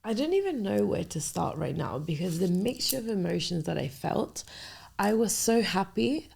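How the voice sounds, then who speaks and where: A woman's voice: mid-range voice, big pitch swings, moderate pace, vocal fry, a little mellow, slightly rough. A woman in her twenties hosting a podcast, telling a personal story in a candid, hesitant way, often trailing off and restarting. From Nigerian family. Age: 20s. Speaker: podcast host. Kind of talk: personal storytelling, casual confessional.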